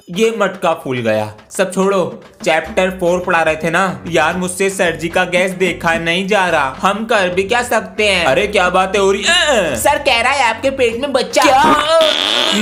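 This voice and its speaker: A man acting a school comedy sketch, switching between a teacher and pupils in an animated way. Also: high voice, slight background noise.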